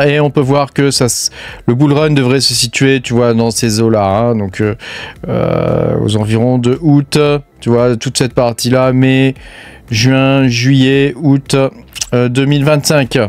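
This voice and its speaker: A man's voice: mid-range voice, no echo. A man from France giving casual, filler-heavy commentary on crypto news over charts, talking straight to the viewer and swearing bluntly. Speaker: crypto mining YouTuber.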